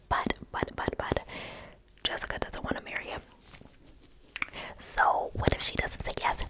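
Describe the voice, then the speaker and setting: A woman in a whispered role-play, whispering a secret as a gossipy ear-cleaning attendant confiding in a client. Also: low-quality recording. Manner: whispering a secret, hushed and conspiratorial. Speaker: ASMR performer.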